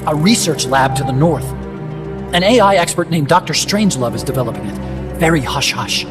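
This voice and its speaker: A fairly high male voice over loud music as an actor plays a disillusioned scientist in a video game. He is earnest and talkative, laying out his explanations with serious conviction. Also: animated, brisk, natural voice. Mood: confiding, explanatory. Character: earnest, disillusioned male nuclear weapons scientist, unable to walk.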